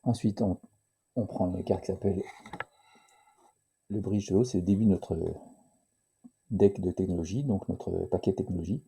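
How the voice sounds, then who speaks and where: A man presenting a casual board game tutorial, hesitant and full of filler pauses, at times reading the game's text aloud. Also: sits low, dark tone, husky.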